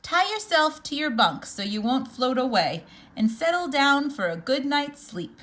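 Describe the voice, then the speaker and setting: A woman with a slightly high voice reads a children's picture book out loud. Like a storybook reader, she delivers it in a measured, expressive way.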